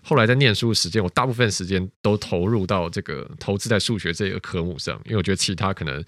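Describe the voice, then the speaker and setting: A man's voice: sits low, fast talker, fairly bright tone, no room sound, studio quality. A man, a podcast co-host chatting casually in a rambling, self-mocking way. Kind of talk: casual chat.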